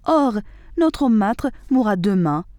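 A woman's voice: a little high, big pitch swings, slow, darkish tone, dry recording. A woman voicing a boastful male rooster in a storybook tale, speaking in an insistent, indignant way. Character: proud boastful male rooster who foretells deaths.

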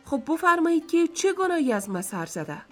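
A woman voicing a young, quick-witted male servant who answers his master politely and pleadingly. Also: high-pitched, sing-song, soft background music, voice pushed up. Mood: worried.

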